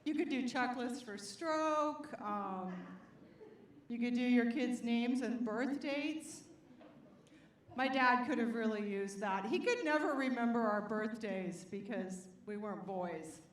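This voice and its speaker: A woman's voice: a little high, expressive, slow, a little hiss or hum. A middle-aged woman performing a stand-up comedy set on stage, with a wry, punchy delivery that draws out the punchlines. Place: comedy stage before a live audience. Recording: roomy live venue.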